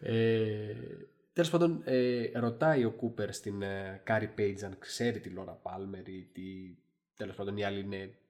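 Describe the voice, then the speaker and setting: A man's voice: fairly low pitch, darkish tone. A man co-hosting a casual discussion podcast, retelling a story animatedly, with frequent fillers and restarts. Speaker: podcast co-host.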